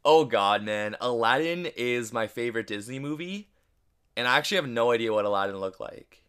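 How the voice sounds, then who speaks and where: A man's voice: medium pitch, animated, brisk, a bit bright, clear, resonant tone. A young man reacting casually to a video, saying "like" a lot, laughing and blurting short reactions. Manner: filler-heavy, reactive, laughs often.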